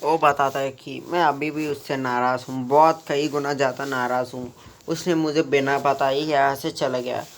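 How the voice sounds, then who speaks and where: Male storyteller, flat monotone delivery, halting casual retelling, frequent restarts. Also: mid-range voice. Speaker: fan storyteller recapping his own story.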